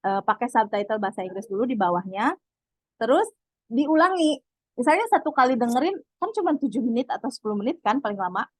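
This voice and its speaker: Young woman teacher, kinda high voice, chatty online class, dry close mic. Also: no room sound, low-quality recording. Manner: chatty, mixes in English phrases, refers to herself as Teteh. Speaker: English tutor.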